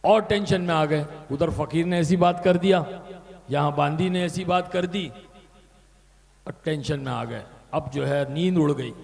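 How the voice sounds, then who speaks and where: A man preaching a sermon as a story, animated, repeating phrases for emphasis. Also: a little high, creaky. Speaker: Islamic preacher. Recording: hall reverb.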